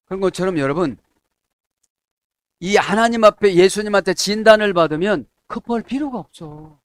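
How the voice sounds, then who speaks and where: A middle-aged man preaching a sermon as a pastor, checking in with his listeners and acting out quoted prayers in a softer, lower voice. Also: animated, moderate pace, no room sound, clean studio sound. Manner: asks the congregation "에?" to check agreement.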